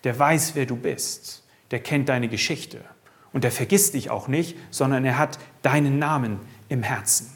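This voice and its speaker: A man preaching in a steady mid-range voice. He leans hard on key lines, lifting them, then drops to a hush. It is an earnest sermon delivery. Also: medium pitch, unhurried. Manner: emphatic, swings from raised to hushed.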